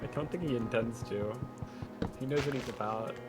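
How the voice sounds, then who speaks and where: A man chatting casually on a group call, telling stories in a relaxed, rambling way. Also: medium pitch, normal speed, over music. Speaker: podcast co-host. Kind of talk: casual storytelling chat.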